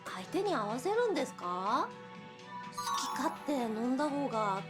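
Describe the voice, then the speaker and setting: A woman's voice: high-pitched, big pitch swings, quick pace, music in the background. A woman playing a friendly, polite young Japanese cabaret hostess in live-action video game dialogue. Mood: polite, curious.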